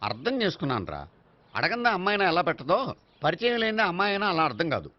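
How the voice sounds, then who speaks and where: A man's voice: sits high, huge pitch swings, quick pace, no room sound, highs cut off. A meddling old grandfather. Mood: advising. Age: older. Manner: jokey, advising.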